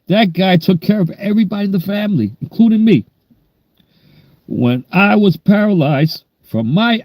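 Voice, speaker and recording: On a livestream, a New York man in his sixties hosts a casual chat, talking bluntly and rambling. His voice is on the high side with a dark tone, and there's no echo.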